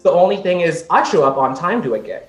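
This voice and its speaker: A man's voice: fairly high pitch, lively intonation, quick pace, soft background music. A man who performs in drag delivers a crude, campy comedy roast over a video call, full of sass and profanity. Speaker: roast contestant. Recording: roomy echo.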